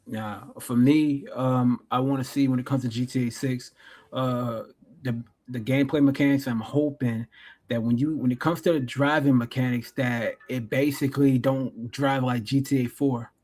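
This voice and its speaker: A man's voice: medium pitch, fairly even intonation, moderate pace, darkish tone. A man co-hosting a gaming podcast, easygoing and joking, steering the chat in slangy, casual speech. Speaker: podcast co-host.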